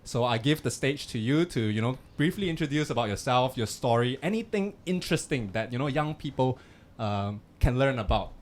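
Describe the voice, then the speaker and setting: Hosting a relaxed podcast interview, this young man talks briskly and animatedly in a mid-range voice. He's chatty, his wording is loose, and fillers pop up often.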